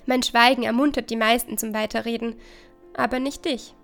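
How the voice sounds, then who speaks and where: Gravelly woman reading a story. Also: on the high side, steady tone, moderate pace, a bit bright, faint music behind. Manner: intimate, conversational reading. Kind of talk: scripted narration of a second-person story.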